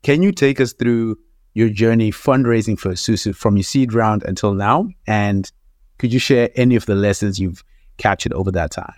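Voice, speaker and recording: A courteous man hosts an interview, putting questions politely and with appreciation. His voice is fairly low, recorded close and dry. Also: moderate pace, a little mellow, no room sound. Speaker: interviewer, host.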